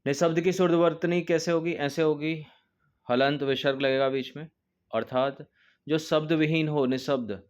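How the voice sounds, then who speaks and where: Man calmly explaining exam answers. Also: a little high, moderate pace, clean tone. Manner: explains step by step, repeats answers for emphasis. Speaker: exam coaching teacher. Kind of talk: test-paper walkthrough lesson.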